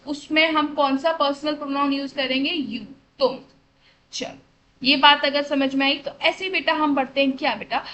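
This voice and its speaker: Bright high-voiced woman teaching grammar. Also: poor audio. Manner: repeats questions and answers to children, calls them beta. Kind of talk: classroom lesson explanation.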